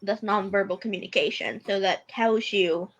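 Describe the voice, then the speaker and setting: A woman's voice: medium pitch, fairly even intonation, low-quality recording. A woman co-hosting a casual podcast, chatting eagerly about a TV episode. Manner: chatty, enthusiastic, quick laughs. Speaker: podcast co-host. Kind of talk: casual episode recap chat.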